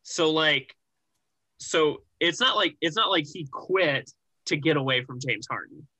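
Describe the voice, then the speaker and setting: A young man co-hosting a casual sports podcast, rambling and animated with many restarts and fillers. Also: on the high side, unhurried, no echo, rough recording. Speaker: podcast co-host.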